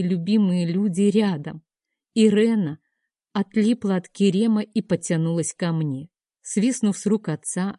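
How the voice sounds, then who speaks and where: A woman narrating a romance novel in the first person, with a soft, emotional, measured delivery. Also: on the low side, no room sound, clean studio sound. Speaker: audiobook narrator.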